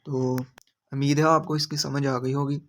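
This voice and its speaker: A man's voice: medium pitch, level tone, normal speed. A man teaching grammar in a video lesson, patiently repeating each example sentence. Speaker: language teacher.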